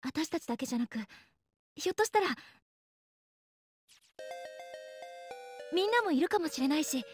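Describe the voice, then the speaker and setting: A woman's voice: high voice, lively intonation, fast talker, faint music behind. A woman playing an anxious, earnest teenage schoolgirl steeling herself in a Japanese horror game, with a youthful, tense delivery. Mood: resolute. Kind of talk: Japanese horror game voice acting, dialogue and inner monologue.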